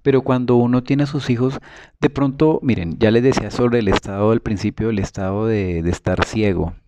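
A man's voice: fairly low pitch, fairly quick. Earnest rambling man, noisy recording. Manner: earnest, rambling, repeats and restarts words. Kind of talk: casual talk to viewers.

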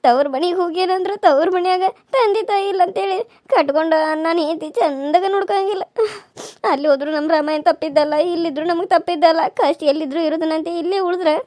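A woman's voice: extremely high pitch, fast, a little mellow, no room sound, studio quality. A woman voicing a young pregnant village wife, crying and pleading. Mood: tearful. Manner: weepy, pleading, self-pitying. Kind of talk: cartoon serial voice acting.

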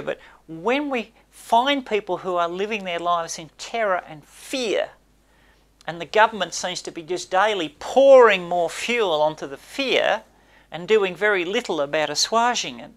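An older man preaching a sermon in a small church, emphatic and gesturing, his voice dropping low at the ends of points. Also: a bit bright. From Australia. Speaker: pastor. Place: small indoor church space by a brick wall.

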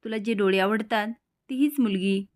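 A woman's voice: medium pitch, normal speed, close to an everyday voice. Damini, a sly sugary schemer voiced by a woman. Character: scheming middle-aged woman, sweet-talking and sly.

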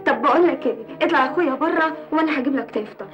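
A woman's voice: high voice, rapid-fire, dull audio, close to an everyday voice. An actress playing a pleading young Cairo woman. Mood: coaxing. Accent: Egyptian Arabic. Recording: film soundtrack with music.

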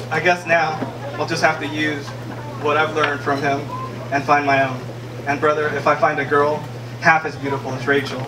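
Inside a large wedding tent, a young man delivers a best man's toast, reading from a page into a handheld mic, a little nervous and laughing between lines at his own jokes. His voice is fairly high. The room is echoey, with the mic heard from afar and crowd noise around.

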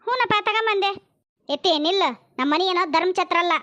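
A woman's voice: very high-pitched, fast, pushed and bright. A woman with a North Karnataka accent playing a quarrelsome village woman who scolds sharply and then pleads tearfully, in a comedy drama. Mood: scolding. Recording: dull lo-fi sound.

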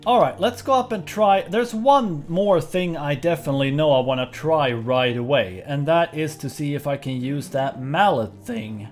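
A man's voice: a little high, normal speed, few pauses, a little mellow, faint music behind. A man casually narrating a video game playthrough, reading dialogue aloud in a playful, chatty way and laughing often. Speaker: gaming YouTuber.

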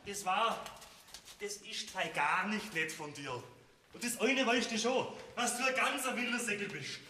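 An actor with a Swabian accent playing an excitable, jealous man in a stage folk comedy. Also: high-pitched, measured pace, a little hiss or hum. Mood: indignant. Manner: agitated, ranting, theatrical outbursts. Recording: roomy stage sound from a distance.

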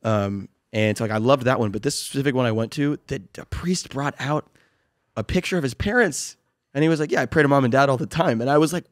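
Young man, podcast guest, rapid-fire and slangy, dry close studio mic. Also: mid-range voice, no echo. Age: young adult. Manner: animated storyteller, slangy, quick with many fillers. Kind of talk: casual conversation. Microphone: studio boom mic with headphones.

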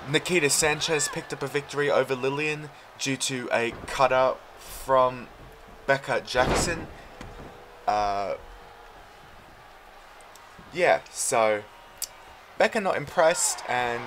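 A man doing casual play-by-play commentary over a wrestling video game, rambling between moves and shouting when big moves land. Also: mid-range voice, background noise. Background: game music.

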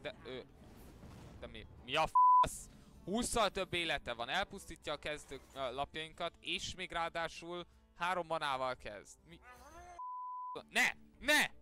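A man streaming video games live, talking to his chat in an excitable way, muttering one moment and yelping the next, often cutting off curses mid-word. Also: on the high side, over loud music. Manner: excitable, swings between muttering and yelping outbursts. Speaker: game streamer. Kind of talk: live gaming stream commentary.

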